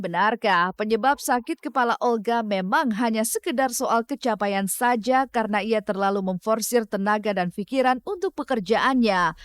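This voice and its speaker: A woman's voice: a little high, a bit bright, no room sound, clean studio sound. A woman reading a scripted celebrity gossip news voice-over in a dramatic, questioning way. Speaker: news narrator.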